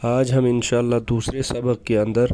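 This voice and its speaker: A man with a smooth, clear voice gives a recitation lesson. He draws out each verse slowly and repeats it for his students, then breaks into quick, even-toned explanations of how each letter is pronounced. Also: mid-range voice. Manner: slow drawn-out recitation, repeated for learners; brisk explanations of letter sounds. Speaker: Quran recitation teacher.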